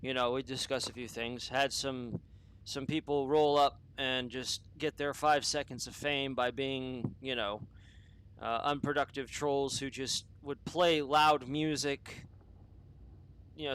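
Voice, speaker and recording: A man with a mid-range, sharp-toned voice speaks at a measured pace; the audio is poor, with slight background noise. He's a podcast host riffing unscripted opinions in a profane, wandering monologue, cutting himself off and chasing tangents.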